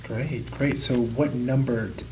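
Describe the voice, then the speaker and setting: A man hosting an interview, reading a scripted introduction in a measured, announcer-like way before asking questions. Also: mid-range voice, fairly even intonation, background noise. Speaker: podcast host. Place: school building.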